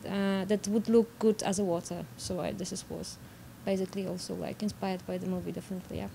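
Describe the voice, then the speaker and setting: A woman's voice: mid-range voice, little pitch movement, quick pace, vocal fry. A young woman with a Polish accent giving spontaneous answers in an interview as a student animator. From Poland. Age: young adult. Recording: background noise.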